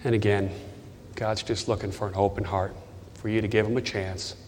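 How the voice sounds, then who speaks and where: Man, earnest altar-call preacher, lowish voice, long hall reverb, faint room noise. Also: flat delivery, normal speed, a little mellow. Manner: earnest, leads a prayer line by line. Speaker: guest speaker. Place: church hall.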